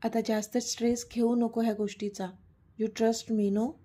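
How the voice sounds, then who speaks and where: A woman voicing a protective young man in a love story, talking softly but turning stern when he gets angry. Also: a little high, flat delivery, unhurried, breathy edge. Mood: tender. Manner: soft and pleading, then stern. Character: young man, lover, protective and quick to anger.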